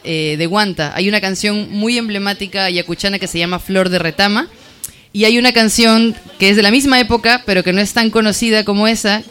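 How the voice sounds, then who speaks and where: A man speaks with a smooth, resonant voice in a radio studio. He is enthusiastic and tells the story behind a song. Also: high-pitched, a bit bright. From Peru. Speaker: touring musician guest. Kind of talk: radio introduction.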